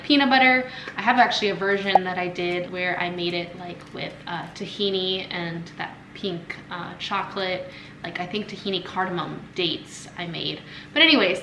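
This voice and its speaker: A woman's voice: mid-range voice, pushed and bright, roomy sound, slight background noise. A young woman chatting casually through a cooking vlog in a home kitchen, rambling with lots of fillers and self-corrections. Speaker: food vlogger.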